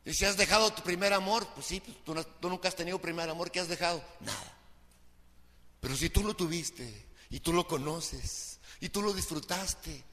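Pastor, man, high bright voice, impassioned sermon, long hall echo. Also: fairly quick, hardly any pauses. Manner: impassioned preaching, swinging from soft to shouted pleading.

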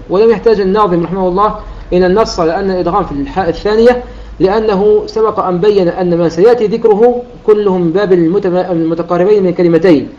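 Fast-talking high-voiced male teacher. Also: a little mellow. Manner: explanatory, quotes verses in a slow chanted delivery. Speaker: Quran recitation teacher. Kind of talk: explaining a classical poem on Quran recitation rules. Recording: dull lo-fi recording.

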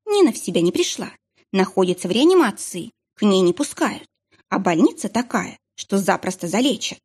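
A woman's voice: medium pitch, very animated, normal speed, a little mellow, slightly rough. A woman voicing an anxious, determined middle-aged woman who talks in an urgent, flustered way. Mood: tense.

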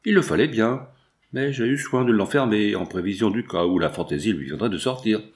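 A man reading as a well-meaning baron from a classic novel, calm and reassuring as he explains. The voice is low and even, a storybook reading. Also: a little fast, lightly acted. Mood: explaining.

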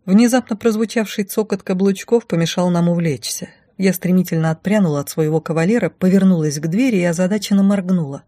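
A woman's voice: lowish voice, fairly quick, few pauses, dark tone, no room sound. A woman reading a first-person story aloud with a dry, ironic delivery. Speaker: audiobook reader. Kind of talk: scripted first-person narration.

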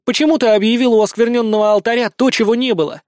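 A man's voice: high voice, a little fast, no echo, studio quality, pitched above the performer's own voice, close to an everyday voice. A man voicing a bold, defiant young tiger-woman warrior who speaks in a ringing, sarcastic tone.

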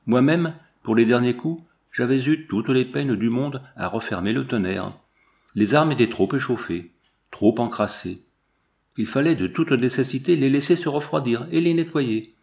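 Homme au débit posé, narration de livre audio. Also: male voice, medium pitch, moderate pace, vocal fry, darkish tone. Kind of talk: scripted narration of a memoir.

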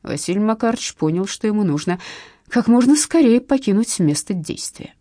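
Woman narrating an audiobook, dark voice. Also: medium pitch, animated, moderate pace, no echo, clean studio sound.

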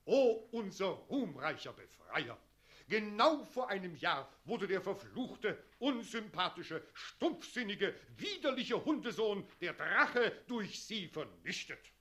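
A man's voice: sits high, big pitch swings, takes it slowly, pushed and bright, slight background noise, full character voice. An actor playing an obedient townsman in a radio play, delivering over-the-top, dutiful praise. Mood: fawning. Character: eager, obedient male townsman leading a cheer.

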